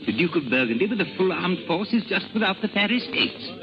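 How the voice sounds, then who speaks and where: A man's voice: sits high, sing-song, brisk. An actor playing a wry, crafty king of France in disguise, with theatrical delivery in 1930s radio drama style. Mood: wry, testy. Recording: muffled 1930s radio broadcast with music.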